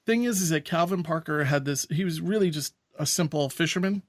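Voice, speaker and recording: Fairly quick and on the high side, this man's voice comes through at studio quality with no echo. Co-hosting a podcast, he chats casually and easily, offering blunt opinions and laughing often.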